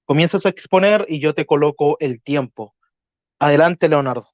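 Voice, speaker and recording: A Chilean man moderating an online debate, courteous and measured, often pausing with fillers. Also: fairly high pitch, dry recording, highs cut off. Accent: Chilean Spanish. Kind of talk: live-stream debate moderation.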